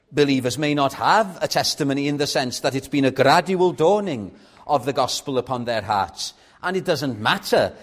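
Speaking in a medium pitch with a Welsh accent, this man from Wales, a native Welsh speaker, delivers a measured sermon and puts rhetorical questions to the congregation.

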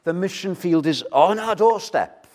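Male preacher, pulpit mic, slow and earnest, rises loud then falls quiet. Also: lively intonation. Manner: earnest, swelling to loud emphasis then dropping low. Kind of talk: evening sermon. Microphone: pulpit microphone.

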